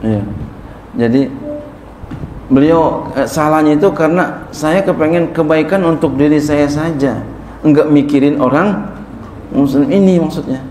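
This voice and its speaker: A man, a religious teacher, leads a sermon-style lesson in a roomy, echoing hall with faint background ambience. His voice sits at an ordinary pitch. He recites Arabic, then explains it in easy, conversational Indonesian. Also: measured pace, pauses often, darkish tone, a little hiss or hum. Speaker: kiai teaching a classical text. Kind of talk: sermon-style kitab study. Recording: echoey room with faint ambience.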